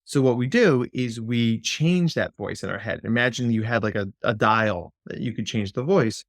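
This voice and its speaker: Guy psychologist on a podcast, mid pitch, lively and playful, dry close sound. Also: normal speed, dry recording. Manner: animated, playful, slips into silly voices. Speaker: clinical psychologist guest. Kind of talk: conversational podcast interview.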